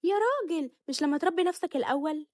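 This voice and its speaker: A woman's voice: high-pitched, steady tone, very fast, a little mellow, no room sound, studio quality. A woman voicing a spoiled cheeky young wife. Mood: defiant. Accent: Egyptian Arabic. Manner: sassy, playful, bratty.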